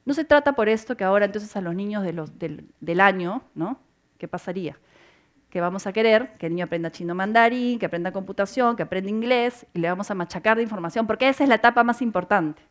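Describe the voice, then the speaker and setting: A woman's voice: medium pitch, quick pace. A woman giving a conference talk with slides, explaining points and asking rhetorical questions. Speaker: conference speaker. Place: conference hall.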